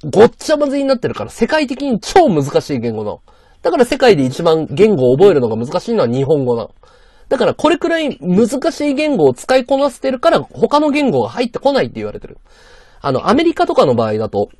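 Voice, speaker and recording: Lively, husky-voiced male streamer. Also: sits high, fast talker, dry recording, studio quality. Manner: chatty, lecturing tone, rambling explanations. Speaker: live streamer. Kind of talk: casual livestream chat reading viewer comments.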